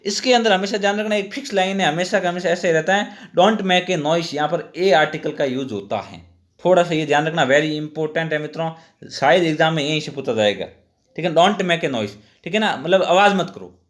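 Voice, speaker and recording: A high-pitched man walks students through an exam-prep lesson. He explains step by step, keeps quizzing the class and often stops to correct himself mid-sentence. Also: lively intonation, brisk. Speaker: teacher.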